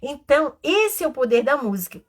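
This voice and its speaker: A middle-aged Brazilian woman, an educator and therapist, giving a live online lecture, teaching with rhetorical questions and emphatic pauses. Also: high-pitched, big pitch swings. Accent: Brazilian Portuguese.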